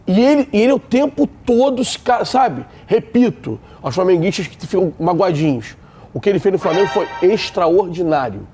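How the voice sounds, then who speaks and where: A man's voice: sits high, big pitch swings, normal speed, warm tone, slightly rough, faint music behind. Blunt, emphatic Rio man in debate. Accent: Brazilian Portuguese, Rio de Janeiro. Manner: blunt, emphatic, repeats points. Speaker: sports debate panelist. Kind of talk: heated studio debate.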